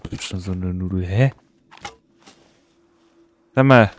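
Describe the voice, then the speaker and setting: A man's voice: sits low, slow pace, soft background music. A young man giving casual, slangy let's-play commentary and swearing at the game. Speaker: gaming YouTuber.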